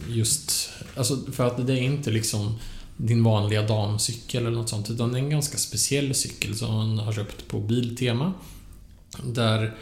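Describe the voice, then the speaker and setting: A man's voice: medium pitch, steady tone, a little mellow. A man co-hosting a casual true-crime podcast, hesitant with many fillers and restarts. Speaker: podcast co-host. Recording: echoey room.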